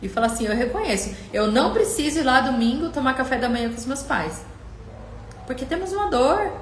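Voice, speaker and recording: A woman's voice: high-pitched, animated, fairly quick, reverberant, a little hiss or hum. A middle-aged woman coach hosting a live stream, speaking passionately and directly to viewers and acting out their words. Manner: passionate, speaks straight to viewers, quotes them in acted voices. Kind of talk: emotional live coaching talk.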